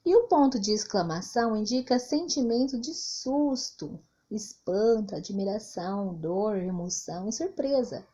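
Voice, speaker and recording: A Brazilian woman teacher giving a slow, clear literacy lesson for children and acting out example sentences. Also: medium pitch, lively intonation, dark tone, lo-fi sound. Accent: Brazilian Portuguese.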